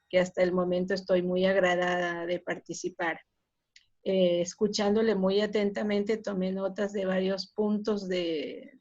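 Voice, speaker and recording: A woman from Ecuador, a university lecturer, speaking in a measured, reflective way as she asks a question on a video call. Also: mid-range voice, darkish tone. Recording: muffled lo-fi video call audio.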